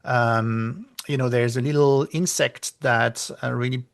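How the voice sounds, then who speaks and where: This middle-aged man from France, heard as a guest author in an informal interview, has a gravelly mid-range voice and a French accent. His speech is full of pauses and fillers, though he becomes animated while relating conversations.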